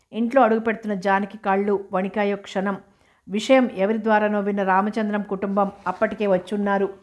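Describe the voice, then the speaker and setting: A woman reading a novel aloud as an audiobook narrator, in a steady, even manner. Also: medium pitch.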